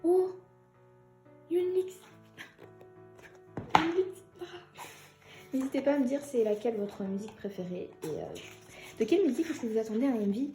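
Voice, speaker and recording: A young woman chatting excitedly and giggling as she unboxes an album for her vlog. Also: on the high side, quick pace, reverberant, over music.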